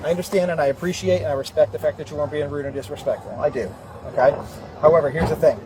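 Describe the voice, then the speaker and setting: A man's voice: on the high side, steady tone, racing. A male police officer in his forties, lecturing a driver at the roadside in a firm, blunt, authoritative way. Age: 40s. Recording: noisy outdoor police bodycam audio.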